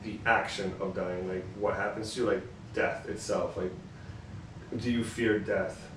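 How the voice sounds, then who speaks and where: A man's voice: low-pitched, steady tone, unhurried, noisy background. Man, podcast co-host, casual chat, rambling, cursing, filler words, echoey room, distant mic. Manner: rambling, heavy on "like" fillers, swears freely. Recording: roomy echo, distant from mic.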